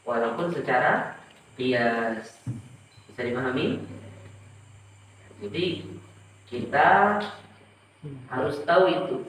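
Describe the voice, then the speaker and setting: A man teaching Quran recitation in class, modelling pronunciation slowly and quizzing his students. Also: mid-range voice, a bit bright, a little hiss or hum. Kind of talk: classroom tajwid lesson. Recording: echoey room, mic far off.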